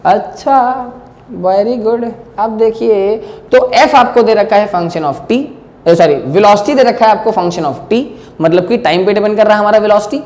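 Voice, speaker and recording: High-voiced male teacher in an echoing classroom. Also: measured pace, a little mellow, highs cut off. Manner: explains step by step, mixes Hindi and English, keeps checking "clear hai?". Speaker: physics teacher. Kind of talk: classroom lecture at a board.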